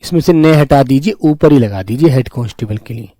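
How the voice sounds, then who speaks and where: A man's voice: mid-range voice, lively intonation, brisk, warm tone, no room sound, rough recording. A man teaching grammar in an online class, fondly calling his students children, repeating each term and answering viewers' comments.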